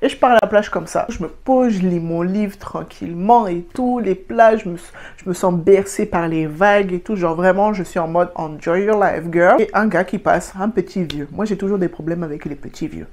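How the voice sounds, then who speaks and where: A young Frenchwoman with a French accent tells travel stories in a casual storytime vlog, slipping English words into her speech. Her voice sits fairly low and moves at a moderate pace with hardly any pauses. As a travel vlogger, she comes across as chatty, animated and slangy.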